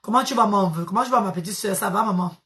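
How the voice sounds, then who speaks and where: A woman's voice: mid-range voice, quick pace, fairly bright tone. A tired woman hosting a casual live stream, greeting her viewers one by one and fondly calling them mother and sister. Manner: affectionate, calls viewers maman and sister.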